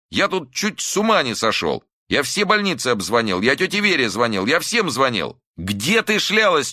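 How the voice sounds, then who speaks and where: A man voicing a big, scruffy grown son who shouts and scolds his mother in a frantic rage. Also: sits low, no echo, clean studio sound, voice pushed up, full character voice. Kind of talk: audiobook dialogue.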